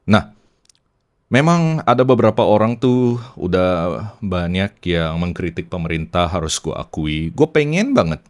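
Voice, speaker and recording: Low-voiced young man with a Medan accent. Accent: Medan Indonesian. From Medan, Indonesia. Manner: relaxed, chatty, mixes in English phrases. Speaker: podcast host. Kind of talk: casual reflective monologue.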